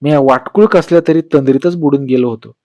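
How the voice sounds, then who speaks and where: A man reads a short story aloud in a measured, expressive storyteller's voice, in a rural dialect. His pitch sits in the middle for a man. The recording is dry with no room sound. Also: no room sound.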